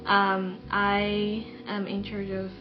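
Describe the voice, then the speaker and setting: A woman's voice: medium pitch, completely flat delivery, highs cut off, music in the background. A young woman from Japan with a Japanese accent, co-hosting a casual podcast in a careful, friendly way. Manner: slow, careful, friendly, laughs often. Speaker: podcast co-host, visitor services coordinator. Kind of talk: casual chat.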